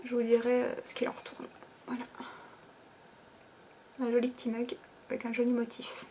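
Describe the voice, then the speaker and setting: A woman's voice: on the high side, completely flat delivery, moderate pace, noisy background. Chatty woman showing off shop products. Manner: chatty, many fillers like "ben" and "euh". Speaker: online shop owner presenting new products. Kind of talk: casual product presentation.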